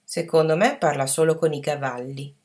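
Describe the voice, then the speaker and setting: A woman's voice: low voice, fairly even intonation, normal speed, darkish tone, recorded from a distance, lightly acted. Woman doing a stiff, proud teenage boy. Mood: grumbling. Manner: stiff, reserved replies. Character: stubborn, clever teenage boy, plump and proud.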